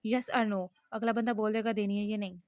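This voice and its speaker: A woman teaching a linguistics lesson, patiently explaining each point and slowly reading out English examples. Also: mid-range voice, fairly even intonation, a little mellow, no room sound, studio quality.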